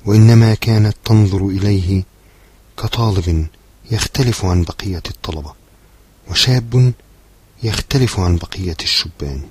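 A man narrating a literary novel as an audiobook in a measured, steady storytelling manner. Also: on the low side, husky, no room sound.

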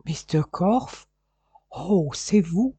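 A man plays a cool English detective in an audiobook thriller, speaking French with a light British accent. He snaps short, clipped orders in a raised, dark and husky voice. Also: high voice, lively intonation, extremely slow, dry recording, full character voice. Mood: commanding. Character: cool English detective, male, adult, commanding.

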